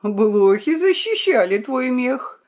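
A woman's voice: fairly high pitch, very animated, takes it slowly, darkish tone, voice pushed up. A woman voicing an old veteran rooster, modest and fatherly, who frets and pleads earnestly in a storybook reading.

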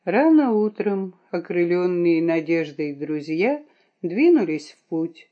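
Slow, expressive woman storyteller. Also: lowish voice. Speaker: narrator. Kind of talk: scripted storybook narration. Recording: dull lo-fi audiobook recording.

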